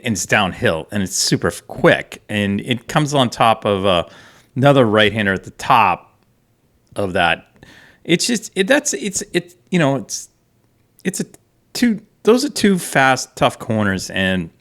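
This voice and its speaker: A man co-hosting a motorsport podcast, his fairly low voice swinging widely in pitch. He rambles, restarts and piles up his points in relaxed chat. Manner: animated, rambling with many restarts. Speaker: podcast co-host.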